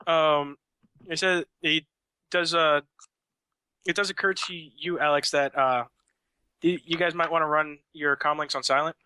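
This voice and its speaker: A man's voice: a little high, fairly even intonation, measured pace, pauses often, bright, forceful tone, clear, resonant tone, no room sound. A young man narrating a tabletop game as game master, with a casual, laughing delivery full of fillers.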